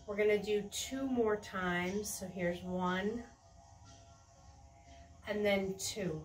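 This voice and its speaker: Slow, serene woman giving tai chi cues. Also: mid-range voice, fairly even intonation. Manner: serene, encouraging, unhurried cueing. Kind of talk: guided movement lesson with calm step-by-step cues. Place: small carpeted room indoors. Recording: distant mic in a room, faint music. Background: faint music.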